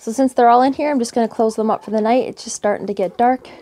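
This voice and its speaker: Give me a relaxed woman from Canada with a warm, mellow voice, thinking aloud as she explains her chores. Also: fairly high pitch, fast talker. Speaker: homesteading vlogger. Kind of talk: casual how-to narration. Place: outdoors by a snowy hen house.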